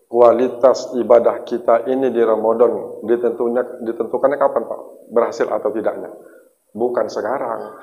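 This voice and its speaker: A man's voice: lowish voice, a little mellow. A male preacher giving a folksy Ramadan sermon, asking his congregation questions, over a microphone in a large mosque hall. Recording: dull echoey mosque hall sound.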